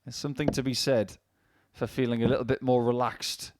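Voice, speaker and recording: A man's voice: mid-range voice, little pitch movement, a little fast, no echo, clean studio sound. A man commentating on darts in a chatty, joking style, full of wry anecdotal banter.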